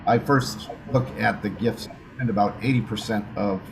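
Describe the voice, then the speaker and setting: A man giving a reading, explaining each point in a slow, measured way. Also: lowish voice, gravelly, noisy background. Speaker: gene keys reader.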